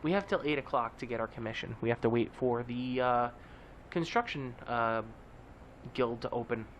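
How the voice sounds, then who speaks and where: This let's play host has a stuffy, nasal, mid-pitched voice and talks at a normal speed, joking around and filling the air with chatty fillers. The recording sounds muffled, with a little background noise.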